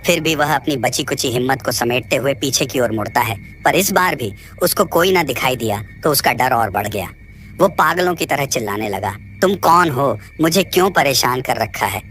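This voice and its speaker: A man reads a horror story in a steady, suspenseful way. His voice sits at a middle pitch. Faint music plays behind him. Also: normal speed. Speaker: narrator. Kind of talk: scripted horror story narration.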